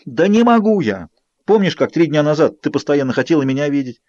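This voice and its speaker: A man's voice: a little high, big pitch swings, fairly quick, warm tone, no room sound, highs cut off, voice pushed up. A man reading an audiobook voices a young werewolf man who pleads and defends himself. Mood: pleading.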